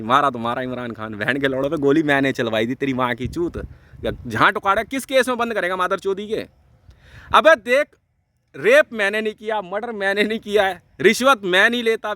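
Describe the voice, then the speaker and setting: A man from India ranting angrily and swearing heavily in a vlog, jumping between loud outbursts and low mutters. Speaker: vlogger. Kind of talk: angry profane rant to camera.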